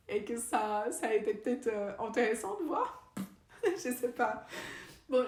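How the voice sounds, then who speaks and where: Young woman vlogger, chatty and unsure, slightly high voice, roomy echo. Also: a little mellow. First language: Portuguese. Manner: chatty and unsure, with fillers and a laughing aside. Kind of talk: casual chat to camera. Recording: echoey room.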